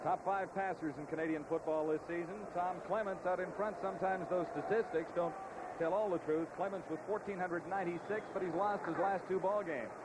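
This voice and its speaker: A man's voice: high-pitched, fairly even intonation, brisk, heavy background noise. A man calling football for television in clipped, factual phrases. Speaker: play-by-play announcer. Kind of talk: TV football commentary. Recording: old TV broadcast, loud background sound.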